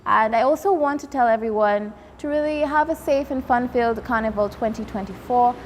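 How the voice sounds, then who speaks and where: A woman's voice: fairly high pitch, brisk. A woman pageant contestant giving a spoken invitation to viewers. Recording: reverberant room, faint background noise.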